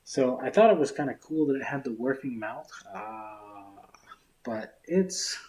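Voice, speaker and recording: A man's voice: mid-range voice, lively intonation, a little slow, a little mellow. A man streaming live as a magician, chatting casually while his voice comes out muffled from inside a tight full-face rubber mask. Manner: rambling, self-talking, trailing off into mumbles.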